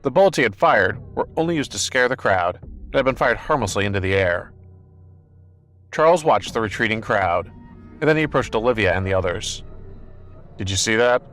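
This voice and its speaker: A man narrating an action novel as an audiobook in a steady, even storytelling voice. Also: lowish voice, a little fast, faint music behind.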